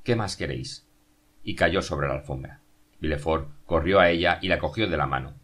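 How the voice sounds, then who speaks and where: A man narrating a novel as an audiobook, in a steady, measured reading. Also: a bass voice.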